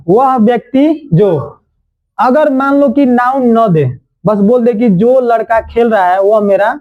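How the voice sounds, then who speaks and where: A man's voice: high voice, dull audio. A man teaching a classroom grammar lesson, repeating each rule phrase by phrase and scolding and joking with his students. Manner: drills rules slowly, repeating each phrase.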